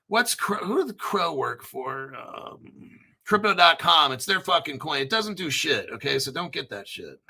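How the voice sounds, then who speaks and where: Bluntly and with plenty of profanity, a crypto show host rambles through a casual livestream chat, often restarting. He has a fairly high, gravelly voice that's bright and forceful.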